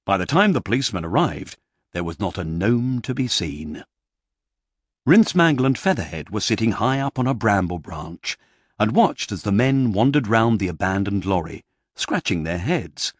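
A man narrating a children's storybook in an expressive way, dropping to hushed pauses for drama. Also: fairly low pitch, husky, dry recording, studio quality.

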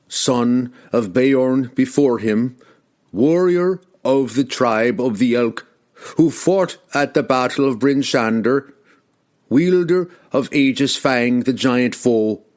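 A man's voice: a little mellow, lightly acted. A man voicing a proud young barbarian warrior. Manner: booming, slow, proclaiming.

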